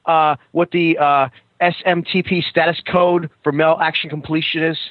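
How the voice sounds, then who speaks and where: Man, co-host, muffled payphone-like phone line, dull lo-fi sound, high voice, deadpan repeated questions. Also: moderate pace, no room sound. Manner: repeats "hey, Ken" before each question. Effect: poor phone line, like a payphone. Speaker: podcast co-host. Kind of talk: deadpan running gag chat.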